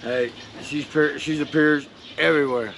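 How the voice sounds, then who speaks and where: A man's voice: on the high side, fairly even intonation, moderate pace, gravelly, a crowd in the background. A middle-aged man guiding a walking tour, talking in a laid-back, slangy way outdoors. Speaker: local tour guide. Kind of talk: casual chat. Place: outdoors in a town park. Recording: outdoor street noise.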